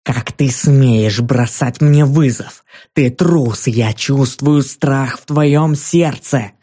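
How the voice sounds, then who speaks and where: A man voicing a huge, vain fiery female giant who roars slow threats, in an audiobook reading. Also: mid-range voice, dark tone, slightly rough. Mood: menacing.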